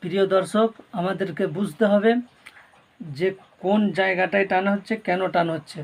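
Gravelly man teaching Quran reading. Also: high-pitched, steady tone. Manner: spells letters and vowel marks slowly, repeating each word; explains rules quickly and softly between drills. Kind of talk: slow drilled recitation lesson, spelling out syllables.

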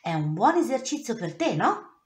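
A chirpy, patient baker friend, voiced by a woman in a children's storybook. He explains things step by step in a bright, bouncy tone. The room adds a roomy echo. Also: fairly high pitch, big pitch swings, moderate pace, pitched above the performer's own voice. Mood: cheerful. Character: patient friend who bakes, kindly teasing.

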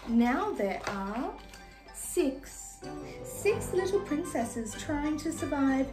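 A young woman playing a sweet, gracious fairy-tale princess, reading in an animated, sing-song way for small children. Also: high-pitched, extremely slow, exaggerated voice, poor audio. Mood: sweet storytelling. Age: young adult. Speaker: children's party entertainer reading a storybook. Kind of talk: children's storybook reading in character. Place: small decorated room indoors. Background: music.

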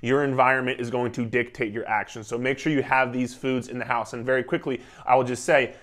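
A man in his thirties, a nutrition coach, giving an energetic, emphatic talk to the camera from his living room on a lapel mic. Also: medium pitch, a little fast. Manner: energetic, emphatic, gestures a lot while talking. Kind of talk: casual instructional talk to camera. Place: living room indoors, beside a whiteboard.

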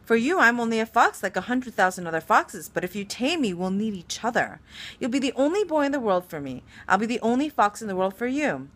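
A woman reading aloud and voicing a lonely, gentle male fox who patiently explains things. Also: a little high, sing-song, fairly quick. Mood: wistful.

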